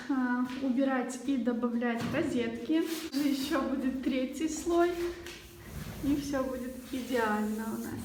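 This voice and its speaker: Woman vlogger, chatty, high voice, heavy empty-room echo, faint hiss. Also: a little mellow. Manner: chatty, showing things around. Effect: strong echo of a bare empty room. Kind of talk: casual video tour. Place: empty unfurnished apartment being renovated.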